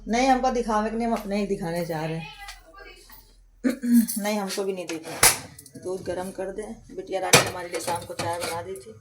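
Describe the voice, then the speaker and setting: At home indoors, a mother talks casually and chattily to camera for a home vlog, sometimes scolding her kids. Her medium-pitched voice moves at a normal speed with long pauses, in an echoey room with faint noise.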